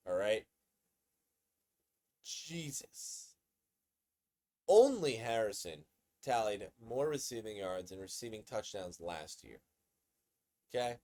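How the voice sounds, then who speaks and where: A man hosting a casual sports commentary video, excitable and conversational, often repeating himself. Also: on the low side, slow pace, long pauses.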